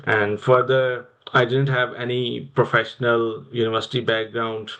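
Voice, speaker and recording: A man's voice: medium pitch, flat delivery, moderate pace, bright, forceful tone, dull audio. A young man with a Pakistani accent, telling his personal story as an interview guest. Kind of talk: personal career storytelling in conversation.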